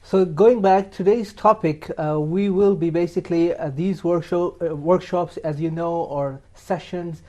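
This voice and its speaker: A man's voice: fairly high pitch, steady tone, a little slow, few pauses, dark tone. A man hosting a youth talk show, asking questions with many hesitations and restarts. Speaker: TV show host.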